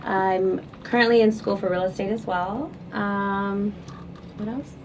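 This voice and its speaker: A woman in her thirties, introducing herself haltingly as a podcast guest. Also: medium pitch, fairly even intonation, far from the mic, a little hiss or hum, low-quality recording. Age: 30s. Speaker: panel guest. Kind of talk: casual podcast chat.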